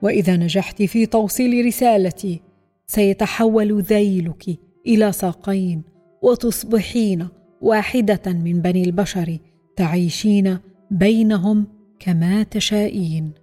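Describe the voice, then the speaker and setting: A woman voicing the solemn, angry male king of a great river in a children's storybook reading, with soft music behind. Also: mid-range voice, measured pace, voice pushed down, lightly acted. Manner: stern, solemn, commanding.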